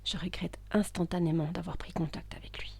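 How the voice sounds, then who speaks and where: A woman narrating a first-person story in a hushed, intimate voice that is often whispered, with tense outbursts. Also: lowish voice, steady tone, a little fast, gravelly, husky, dry recording.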